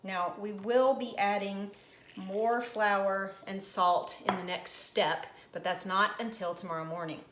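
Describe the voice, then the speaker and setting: A woman's voice: mid-range voice, steady tone, a little slow, roomy sound, noisy background. Chatty woman hosting a kitchen video. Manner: chatty, explains each step as she goes. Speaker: cooking channel host. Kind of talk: casual cooking demonstration. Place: home kitchen.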